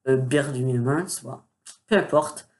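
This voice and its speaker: A man's voice: medium pitch, measured pace. A man hosting his own gaming channel, giving a casual announcement video with lots of hesitant fillers and self-mocking asides into a desk microphone. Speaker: gaming YouTuber. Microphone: desktop USB microphone with pop filter.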